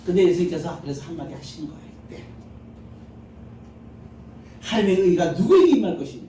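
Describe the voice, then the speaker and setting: Animated preaching man in an echoing church. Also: on the high side, brisk, a little hiss or hum. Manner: lively preaching that acts out little scenes and asks the congregation questions. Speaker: pastor. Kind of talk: Sunday sermon. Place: large church sanctuary. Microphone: handheld mic. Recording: very echoey church hall, mic heard from a distance.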